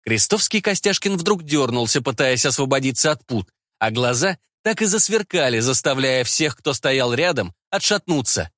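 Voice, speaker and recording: Bright, lively male audiobook narrator. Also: mid-range voice, moderate pace, hardly any pauses, no echo, studio quality.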